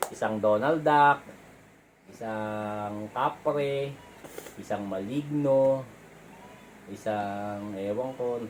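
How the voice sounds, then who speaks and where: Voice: medium pitch, extremely slow, long pauses. A chatty vlogger unboxing a gadget in casual talk, reading product features aloud. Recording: noisy home recording.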